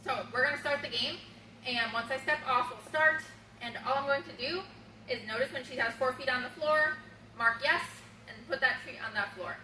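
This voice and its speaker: A woman's voice: normal speed, pushed and bright. A woman dog trainer giving an upbeat, instructive demonstration at home, recorded by a camera across the room. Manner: upbeat, instructive, bursts into high-pitched baby talk for the dog. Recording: roomy, distant camera sound, faint room noise.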